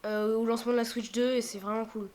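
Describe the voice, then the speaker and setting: A young woman casually reacting out loud to a game showcase, thinking aloud with many fillers and now and then dropping to a whisper. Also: fairly high pitch, flat delivery, quick pace. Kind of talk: casual live reaction commentary.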